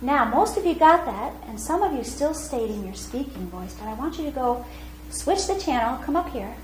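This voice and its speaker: Lively high woman leading a choir class. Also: moderate pace. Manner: encouraging, demonstrative. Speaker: children's choir teacher. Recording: roomy classroom sound with music.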